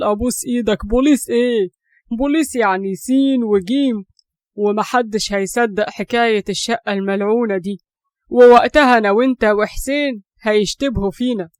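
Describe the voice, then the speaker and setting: A woman's voice: fairly high pitch, fairly quick, no echo, clean studio sound, close to an everyday voice. A woman voicing a cautious older Egyptian man arguing with his family. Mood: pleading.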